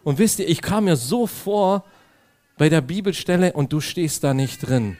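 A man with a fairly high voice, speaking at a normal speed, preaches a sermon and tells his audience a personal anecdote. He tells it in an animated way, acting out the dialogue and addressing the listeners directly.

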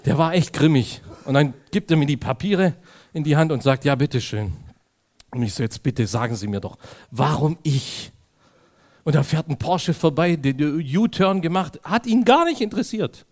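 Man preaching a lively personal story. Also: fairly high pitch, normal speed. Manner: animated storytelling, acts out dialogue; addresses audience directly. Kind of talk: sermon with personal anecdote.

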